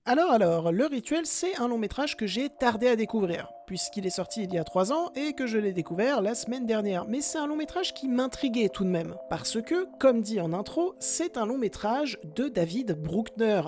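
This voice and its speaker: A woman's voice: a little high, expressive, normal speed, few pauses, darkish tone, slight background noise. Chatty woman hosting a film podcast. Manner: chatty, self-mocking asides to listeners. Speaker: podcast host, film reviewer. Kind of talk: casual film review podcast.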